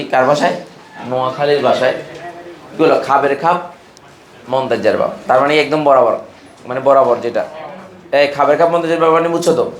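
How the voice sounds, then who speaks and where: Bangladeshi man teaching chemistry, echoey room. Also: on the high side. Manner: asks students questions and repeats key terms. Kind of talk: classroom lecture.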